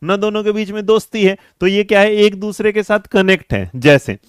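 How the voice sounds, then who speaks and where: Quizzing students in a live online exam-prep class, a man coaxes them along briskly, calls them "beta" and "mere bachche," and reads and answers chat messages mid-lesson. His voice sits high with a clean tone. The recording is clean studio sound with no echo.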